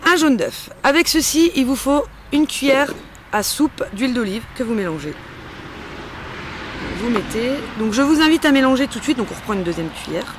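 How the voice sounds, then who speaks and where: Animated and fairly high-pitched, a woman leads a casual spoken demonstration of homemade beauty care at a moderate pace. She keeps things chatty, playful and informal, with background noise behind her.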